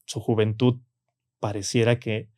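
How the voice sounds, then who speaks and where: A man with a Mexican Spanish accent, telling personal stories in a relaxed talk and tagging his phrases with "¿no?" and "o sea". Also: fairly low pitch, measured pace, dry recording, studio quality. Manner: frequent "¿no?" and "o sea" tags, acts out quoted voices. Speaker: podcast guest. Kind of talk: casual conversational storytelling.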